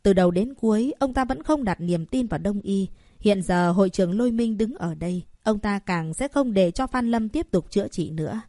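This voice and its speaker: A woman narrates a novel in an even, steady reading voice of middle pitch. The recording is dry and close, with no room sound. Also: moderate pace, no room sound. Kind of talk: audiobook narration of a web novel.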